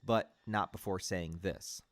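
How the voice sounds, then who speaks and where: A man's voice: low-pitched, steady tone, unhurried, heavy background noise. A man giving a casual film critique, with sarcastic, exasperated commentary. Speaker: film reviewer.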